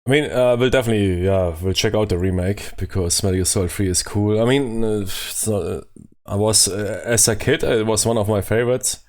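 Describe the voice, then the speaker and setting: A man casually commenting on a game stream, rambling and halting with many fillers. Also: on the low side. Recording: noisy stream mic with loud hum.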